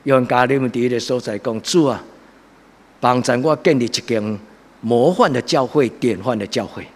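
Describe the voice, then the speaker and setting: A man's voice: medium pitch, normal speed. A man from Taiwan preaching a church sermon with a Taiwanese Hokkien accent, earnest and exhorting in his delivery. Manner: earnest, exhorting, swelling into loud emphatic passages. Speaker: pastor preaching a Sunday sermon. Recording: echoey hall with long reverb.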